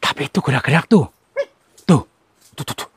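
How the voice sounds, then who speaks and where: A man, from Central Java, hosting a ghost-hunting vlog outdoors in a forest, giving hushed commentary and coaxing with repeated soothing words. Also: on the high side, expressive, fairly quick, creaky. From Central Java, Indonesia. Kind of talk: hushed on-location exploration commentary.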